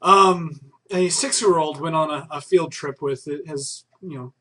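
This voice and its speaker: A man's voice: on the high side, a little slow, pushed and bright. A man with a Texan accent co-hosting a casual podcast, telling news stories hesitantly with lots of fillers. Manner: hesitant, filler-heavy storytelling. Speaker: podcast co-host.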